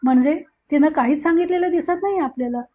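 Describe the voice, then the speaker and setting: Woman voicing a humble young husband, polite and earnest, high voice, dull sound. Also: fast talker, warm tone, close to an everyday voice. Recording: dull lo-fi recording.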